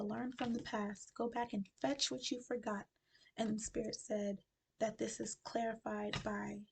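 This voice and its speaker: A woman giving a casual spiritual card reading to her viewers, talking with a retainer in her mouth and dropping into soft whispers as she muses. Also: mid-range voice, vocal fry, slight background noise. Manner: slow, musing delivery with soft whispered phrases; casual, chatty address to viewers. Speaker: tarot card reader.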